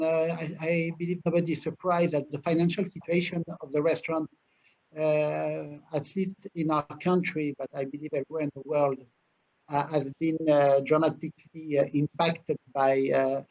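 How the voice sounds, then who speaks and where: A man with a French accent, a native French speaker, answering on a webinar panel in a halting way, with many fillers and repeated words. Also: a little high, darkish tone. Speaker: panelist, food industry investor. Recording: dull lo-fi webinar audio.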